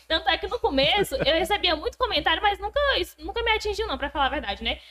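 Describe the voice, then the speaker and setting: A young woman chatting as a podcast guest, talking in a fast, rushed way. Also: very high voice, expressive, sharp tone. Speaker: guest influencer. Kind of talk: casual podcast chat.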